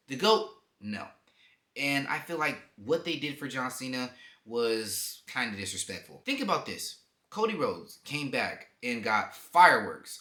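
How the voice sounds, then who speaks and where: A young man who runs a wrestling commentary vlog rants to his camera, heated, profane and heavy on emphasis, in a pushed, bright mid-range voice. It's an opinionated piece recorded on the camera mic in an echoey room.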